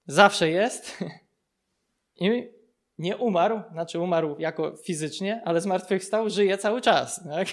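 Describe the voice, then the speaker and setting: A man giving an informal Bible lesson, explaining step by step, often checking in with his listeners and laughing softly. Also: sits high. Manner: explanatory, frequent checking tags and soft laughs. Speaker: Bible teacher.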